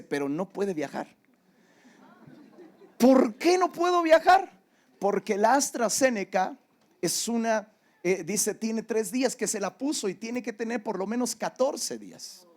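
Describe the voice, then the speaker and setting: His voice sits fairly high and carries a darkish tone. The speaker, an older pastor with a Mexican Spanish accent, weaves a personal story into his sermon conversationally, often asking "¿verdad?"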